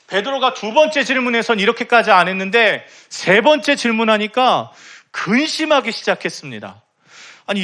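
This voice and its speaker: A man's voice: high voice, sharp tone. A young man preaching a sermon in a church, impassioned and rising to emphatic pleading. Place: church sanctuary.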